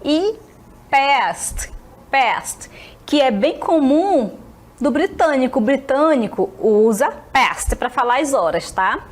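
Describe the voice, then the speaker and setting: Friendly woman teacher, fairly high voice. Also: lively intonation. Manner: friendly, checks in constantly with short tags; slows down to model English phrases. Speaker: English teacher. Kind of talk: televised classroom lesson.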